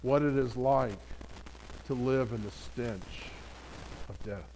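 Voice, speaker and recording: A man's voice: medium pitch, slow pace, noisy background. A pastor preaching a sermon in an earnest, conversational way, putting direct questions to his congregation.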